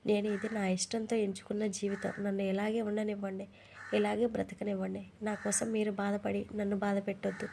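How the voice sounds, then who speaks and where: A woman's voice: medium pitch, monotone, fairly quick, vocal fry, dark tone, a little hiss or hum, natural voice. A woman doing a stubborn young wife pleading. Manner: pleading, earnest.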